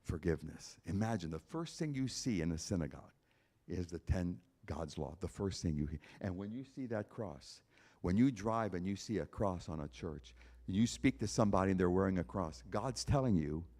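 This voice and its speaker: Male pianist giving church testimony; low, warm, emphatic, repetitive appeals. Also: lively intonation, moderate pace. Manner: preaching, emphatic repetition, direct appeals to listeners. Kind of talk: evangelistic talk at a church concert.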